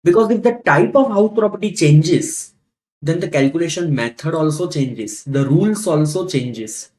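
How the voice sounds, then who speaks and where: A tax teacher with an Indian accent gives a classroom lecture, repeating key points and posing rhetorical questions in a didactic style. His voice leans high and sounds a little mellow, animated and at a normal speed.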